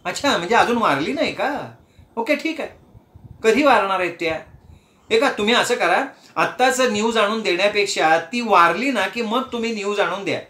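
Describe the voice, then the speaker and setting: A man's voice: high-pitched, lively intonation, normal speed, bright, forceful tone, reverberant. A man doing a breezy, dismissive young woman clerk. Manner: airy, breezy brush-off.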